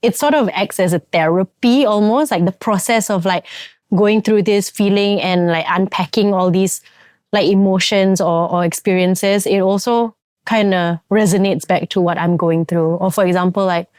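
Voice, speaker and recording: A woman's voice: mid-range voice, moderate pace, darkish tone, dry recording, clean studio sound. A young Singaporean woman, a theatre actress, chatting reflectively on a podcast with many fillers and restarts. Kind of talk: casual podcast chat.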